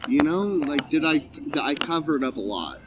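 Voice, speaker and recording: A man's voice: a little high, very animated, normal speed, low-quality recording. A tipsy man talking earnestly and rambling in a casual bar conversation. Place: noisy bar. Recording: crowd chatter behind.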